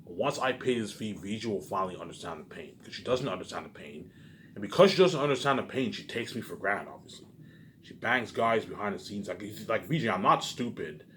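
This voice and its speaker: This vlogger speaks a little fast, his lowish voice animated and a bit bright. He rambles to his audience, repeating himself and swearing often; emphatic bursts peter out into muttered tags amid obvious background noise.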